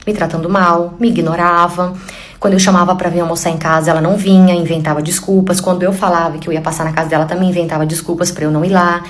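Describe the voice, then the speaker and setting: Brief: Brazilian woman, confessional storyteller, rapid chatty delivery, mid-pitched. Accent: Brazilian Portuguese. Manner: emotional, conversational, many fillers. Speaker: storyteller recounting a personal confession. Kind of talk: first-person confessional storytelling.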